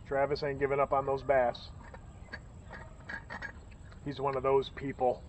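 A middle-aged fishing vlogger from Northeast Ohio, with a local accent, gives excited, joking commentary while filming a fishing trip on a rainy lakeshore. His voice is medium-pitched and a little slow. The audio comes from a camera on a stand bagged against the rain, so it is noisy and the highs are cut off.

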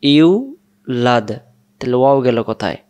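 A man teaching a tajweed pronunciation lesson, explaining in quick bursts and then reciting verses slowly and drawn out, repeating syllables for drill. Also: mid-range voice, fairly even intonation, a little mellow.

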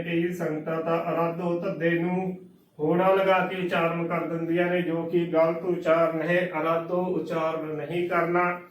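A man's voice: on the high side, recorded from a distance. A man teaching the correct pronunciation of scripture, spelling out each letter and vowel mark carefully. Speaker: Sikh religious teacher. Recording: roomy sound from off-mic.

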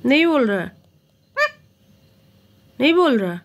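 A woman's voice: high-pitched, very animated, slow. A woman talking doting baby talk to her pet, coaxing and repeating the same question over and over. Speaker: pet owner.

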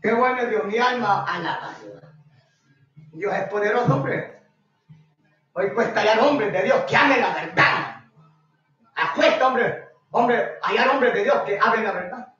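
A Honduran man preaching a fiery radio sermon, shouting and scolding, greeting callers between rants. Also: high-pitched, animated, a little slow, long pauses, faint music behind. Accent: Honduran Spanish. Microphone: radio studio microphone. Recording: echoey lo-fi radio broadcast from far off.

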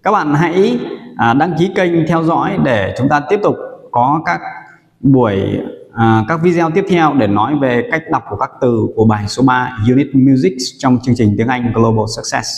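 A man's voice: medium pitch, creaky. A man from Vietnam teaching English vocabulary, saying each word several times and asking students to repeat after him. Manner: slow, drills words for repetition. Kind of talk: vocabulary pronunciation lesson. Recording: roomy echo with long reverb.

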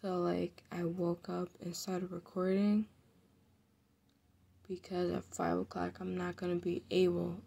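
Sleepy, gravelly woman gaming. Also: fairly low pitch, monotone, a little slow. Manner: soft, mumbled, drifts into whispers. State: just woke up, low energy. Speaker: gaming video creator. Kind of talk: casual gameplay commentary.

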